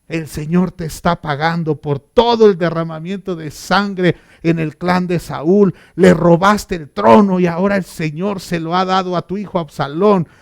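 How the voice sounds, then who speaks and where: A man voicing an angry man who shouts insults at a fleeing king, as a quote within a sermon. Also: sits high, normal speed, gravelly, few pauses. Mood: furious.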